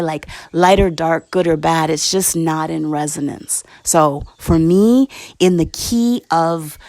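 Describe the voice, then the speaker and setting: A woman with a lowish voice tells a spiritual story in a casual, meandering way, circling back with fillers and restarts. The sound is dry and close, with no room sound. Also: a little mellow, no room sound. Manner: rambling, reflective, many fillers and restarts. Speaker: spiritual talk show host.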